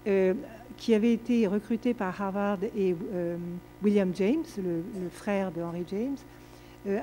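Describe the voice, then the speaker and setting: Older woman lecturing, mellow and rambling. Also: medium pitch, slight background noise, rough recording. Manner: digressive, lively, many fillers and restarts. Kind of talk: academic lecture Q&A answer.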